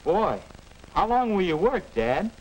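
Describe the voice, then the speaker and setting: High-voiced 1950s teenage boy. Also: sing-song, measured pace. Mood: puzzled, curious. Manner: earnest, questioning. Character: restless, skeptical teenage boy with time to spare. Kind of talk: 1950s educational film acting. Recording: noisy 1950s film soundtrack.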